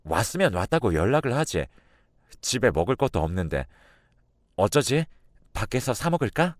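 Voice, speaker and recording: A man voicing a sulky, tearful young wife in a radio drama, speaking in a higher, whiny voice. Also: very animated, moderate pace, no room sound, studio quality. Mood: coaxing.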